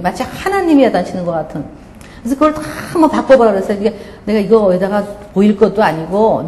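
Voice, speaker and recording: A middle-aged woman pastor giving a sermon, telling stories and acting out scolding voices. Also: on the high side. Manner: animated storytelling, acts out scolding voices. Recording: echoey hall, faint background noise.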